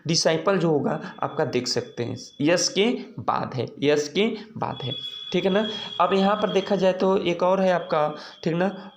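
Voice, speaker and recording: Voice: medium pitch, unhurried, slight background noise. A teacher giving a casual spoken lesson on silent letters in English spelling. The teacher keeps asking rhetorical questions, answers them, and checks in with viewers as friends. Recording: roomy echoey room.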